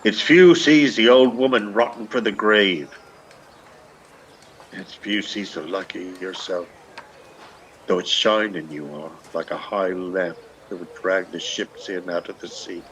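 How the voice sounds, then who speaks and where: In this rough recording with slight background noise, a man's low, somewhat bright voice moves a little slowly. Acting in a radio play as a shabby old Irish beggar smitten with love, he pleads in long poetic runs. It's lyrical stage acting, bitter and full of longing.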